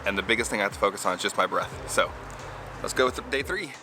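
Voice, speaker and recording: A man's voice: lowish voice, fast, bright, forceful tone. A man talking casually to camera outdoors as a vlogger. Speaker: vlogger doing a cold plunge challenge. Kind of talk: casual vlog talk to camera.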